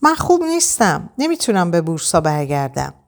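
A woman's voice: fairly low pitch, very animated. A woman voicing an anxious, spoiled rich young woman who pleads and stammers in an audiobook. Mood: pleading.

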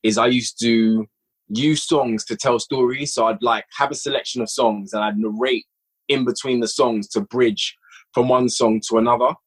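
A man with a husky, medium-pitched voice talks at a moderate pace in a steady tone, the recording rough. As a podcast guest who writes and directs audio drama, he chats casually and reflectively, repeating phrases to emphasize them.

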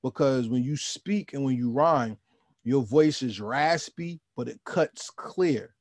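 Speaking slowly in a darkish, mid-range voice, a man hosting a podcast poses questions and offers reflective, lecture-like commentary on the history of the music. He restarts repeatedly, and the recording has no echo.

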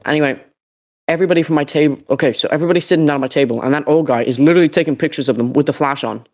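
A young man with a cold co-hosts a casual podcast, telling a rambling story full of fillers and restarts. He is sick and sweating, and his fairly high, slightly mellow voice moves very fast.

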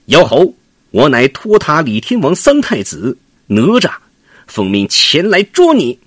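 A man's voice: fairly high pitch, wildly swooping pitch, a little slow, breathy edge, no echo, clean studio sound, voice pushed up, heavily acted. A man voicing a fierce young warrior prince in a children's story. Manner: shouting, indignant.

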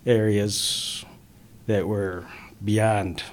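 A man, a police officer, talking earnestly in an interview, with many pauses and fillers. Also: on the low side, flat delivery. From immigrant, grew up in the US. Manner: earnest, halting, many "you know" fillers. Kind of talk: conversational interview.

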